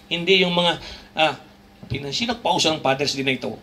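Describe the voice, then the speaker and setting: A man's voice: fairly high pitch, fairly quick, sharp tone, slight background noise. A man with a Filipino accent preaching a sermon to his congregation, conversational and joking, rising to emphatic peaks. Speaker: pastor.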